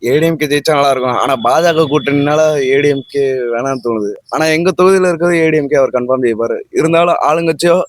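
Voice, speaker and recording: A man, a physiotherapy student answering questions calmly and matter-of-factly. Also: on the high side, fast talker, no echo. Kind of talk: casual opinion interview.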